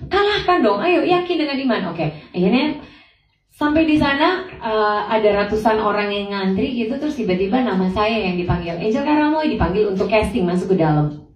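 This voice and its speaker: A young woman giving a church testimony, telling her story in a lively way and acting out the dialogue for the congregation. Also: mid-range voice, brisk. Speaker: testimony speaker. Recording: echoey hall, far from mic, dull.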